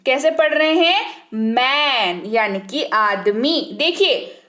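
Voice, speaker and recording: A woman's voice: high voice, lively intonation, a bit bright. A woman teaching, who spells words out letter by letter and checks in with the listener by asking questions. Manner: spells letters slowly and asks rhetorical checks. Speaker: English teacher. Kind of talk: slow spelling-out lesson.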